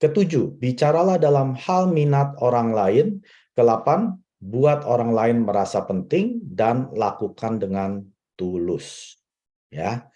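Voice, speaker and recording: A man who is a network marketing leader, giving a motivational talk in a lively, repetitive way and speaking straight to his listeners. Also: mid-range voice, slow pace, dull audio.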